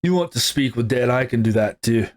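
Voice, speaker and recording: Man putting on a gruff dwarf. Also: mid-range voice, expressive, brisk, close to an everyday voice. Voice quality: put-on accented delivery. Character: gruff male dwarf speaking with a new accent.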